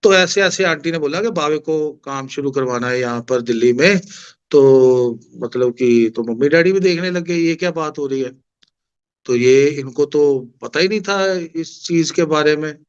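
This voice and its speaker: A man's voice: a little high, measured pace, smooth, muffled recording. A middle-aged man with a Punjabi accent, telling a devotional story at a satsang in a conversational way and acting out the dialogue. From Punjab, India. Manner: conversational, acts out quoted dialogue. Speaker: satsang devotee sharing experience.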